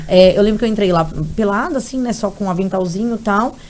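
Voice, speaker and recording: A woman in her thirties co-hosting a casual chat, telling an emotional personal story with lively acted-out quotes and tearful laughter. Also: mid-range voice, fast, crowd noise. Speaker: podcast co-host. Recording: noisy background.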